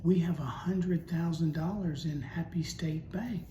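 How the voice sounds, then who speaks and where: A man puts on a fussy, exclaiming older wife reading the mail aloud. The delivery is unhurried. It sounds like an echoey room with a steady noise underneath. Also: on the high side, voice pushed up, close to an everyday voice.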